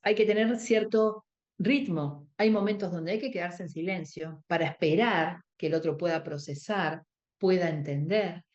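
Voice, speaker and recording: Teaching an emotional first aid workshop, this woman speaks with a Rioplatense Spanish accent in a lowish, slightly mellow voice. She explains each step, performs quoted dialogue, and checks that the audience agrees. The sound is dull.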